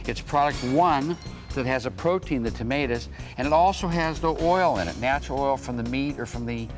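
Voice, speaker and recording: Man demonstrating products in a sales pitch. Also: a little fast. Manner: explanatory, eagerly agreeable. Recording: music behind the voice.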